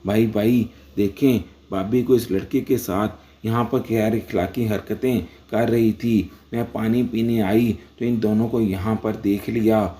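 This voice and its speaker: A man reading the lines of a scheming young woman in a storybook narration, loudly accusing. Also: lowish voice, fairly even intonation, few pauses, natural voice. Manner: shouting accusations.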